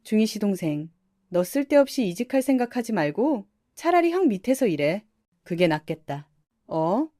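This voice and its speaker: A woman's voice: on the high side, mellow, no room sound, studio quality, natural voice. A woman voicing an arrogant husband who runs a private academy and mocks his younger brother. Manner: mocking and condescending.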